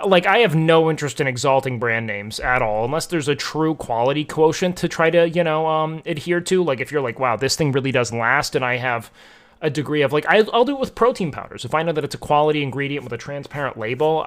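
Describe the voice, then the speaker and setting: His voice sits on the high side, expressive and fairly bright, and he speaks quickly. This young streamer rambles in casual chat with his viewers, leaning heavily on fillers, especially "like."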